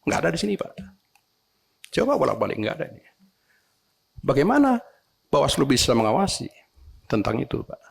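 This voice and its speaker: A man, a legislator, making animated, complaining remarks to election officials at a parliamentary hearing, often ending phrases with a respectful "sir". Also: mid-range voice, a little fast, gravelly, long pauses, slightly rough.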